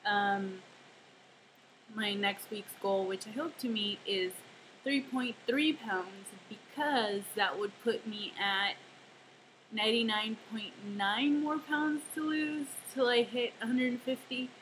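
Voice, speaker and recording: A woman's voice: on the high side, takes it slowly, fairly bright tone. A woman talking casually to her camera at home in a rambling video diary, with lots of fillers and self-deprecating asides. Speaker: vlogger. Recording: noisy home camera recording.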